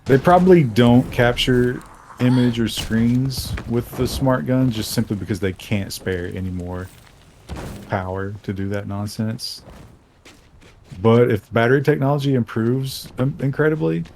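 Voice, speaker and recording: A man's voice: mid-range voice, measured pace, darkish tone, a little hiss or hum. A man giving casual, chatty gameplay commentary on a live stream, explaining things as he plays. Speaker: game streamer.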